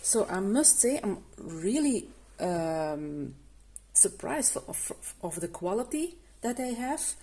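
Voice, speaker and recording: A woman's voice: medium pitch, sing-song, slow pace, mellow. A woman who is not a native English speaker, casually reviewing art markers and stopping often to restart her sentences. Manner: hesitant, many restarts and fillers. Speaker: coloring channel host.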